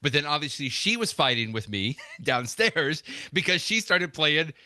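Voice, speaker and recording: Animated bright-voiced man, dry close sound. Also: moderate pace, no echo. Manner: animated storyteller, laughs often, big pitch swings. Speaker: podcast co-host. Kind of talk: casual tech chat.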